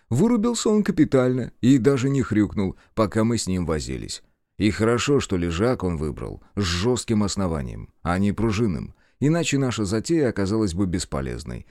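Low guy reading a first-person audiobook, dry sardonic, really lively intonation. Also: dry recording. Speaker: audiobook narrator.

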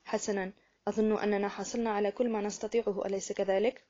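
A woman voicing a gentle male doctor in an audiobook, speaking softly and coaxingly. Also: mid-range voice, flat delivery, fast talker, dull audio, natural voice. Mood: calm. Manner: soft, coaxing. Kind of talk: audiobook character reading.

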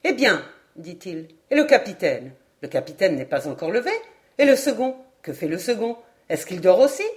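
A woman reading an audiobook, voicing a talkative, excitable male foreign traveler who rattles on from one topic to the next. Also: fairly low pitch, moderate pace. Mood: effusive. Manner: voluble, effusive, jumps between topics.

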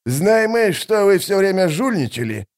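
A man's voice: high-pitched, sing-song, moderate pace, voice pushed up. A man narrating an audiobook, voicing an irritable, hot-tempered male army mage. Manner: snappy, irritable.

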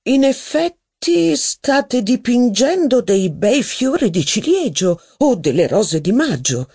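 A man's voice: high-pitched, big pitch swings, slow, darkish tone, breathy edge, voice pushed up, full character voice. A reader voicing a hesitant male historian who speaks apologetically.

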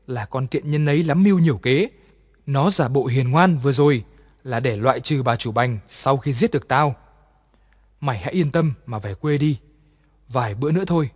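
A man voicing the calm ghost of a young servant girl in a read horror story, speaking softly and steadily. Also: medium pitch, close to an everyday voice. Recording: long reverb.

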